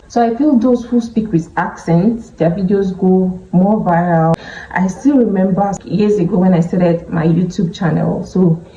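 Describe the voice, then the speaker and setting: A woman with a Nigerian accent and a low, mellow voice vlogs casually to her phone camera as a beauty vlogger. She speaks candidly and draws out words for emphasis. The room recording is dull and echoey, with slight background noise.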